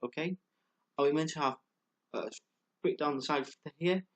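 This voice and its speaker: Talking at a moderate pace in a fairly high voice, a man vents to camera in a long, rambling rant. He swears constantly and works himself up, stumbling and repeating words with plenty of fillers.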